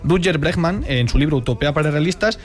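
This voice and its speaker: A man's voice: fairly high pitch, expressive, quick pace. A man presenting a radio segment in a studio, enthusiastic and jokey, often adding tag questions. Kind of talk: chatty radio talk segment. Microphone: studio microphone.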